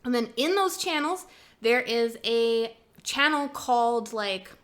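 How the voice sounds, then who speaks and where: A young woman from Canada co-hosting a podcast, telling animated stories in casual chat, swearing freely and laughing often. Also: fairly high pitch, takes it slowly. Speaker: podcast co-host.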